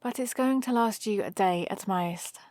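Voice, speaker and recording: In an ASMR roleplay, a woman plays a friendly, teasing human heroine, talking one-sidedly to the listener and explaining things in a casual, patient, playfully rambling way. Her medium-pitched, slightly mellow voice moves at a moderate pace and is lightly acted. The recording is dry, with clean studio sound.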